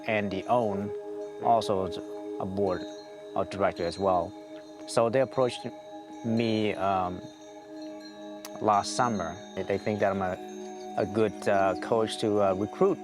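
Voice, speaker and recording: A man's voice: fairly low pitch, fairly even intonation, unhurried. A man who is a volleyball coach and board member, speaking hesitantly with many fillers in a documentary interview. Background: background music.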